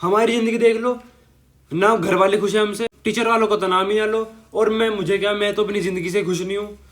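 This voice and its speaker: Young guy ranting about tuition, high voice, rambly and fed up. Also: steady tone, a little fast. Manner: rambling, exasperated, self-deprecating. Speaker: student storyteller. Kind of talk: comic storytime monologue.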